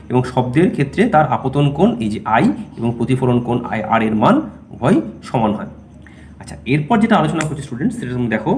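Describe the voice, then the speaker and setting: Fast-talking man teaching physics. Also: fairly high pitch, darkish tone, a little hiss or hum. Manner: explains step by step, often saying "dekho" and "thik ache". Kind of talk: physics lesson to school students.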